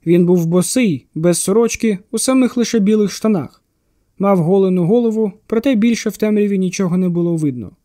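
A male audiobook narrator with a fairly high voice, telling a tense story. His reading is steady and measured, carrying the scene forward without hurry. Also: dry recording, clean studio sound.

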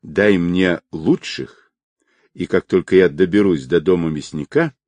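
A man voicing a calm, controlled colonel who gives quiet orders. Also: low-pitched, a little slow, no echo. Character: calm, authoritative male colonel.

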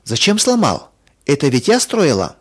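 A man voicing a remorseful, quick-tempered little girl who cries out and pleads. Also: fairly low pitch. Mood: indignant.

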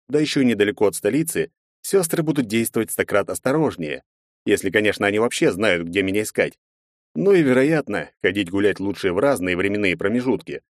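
Male audiobook narrator, low voice, measured first-person reading, dry close sound. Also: expressive, no echo.

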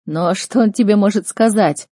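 A woman's voice: mid-range voice, moderate pace, mellow, husky, no room sound, studio quality, voice pushed up, lightly acted. A woman voicing a nervous, slightly mocking young male fire mage in a storybook reading.

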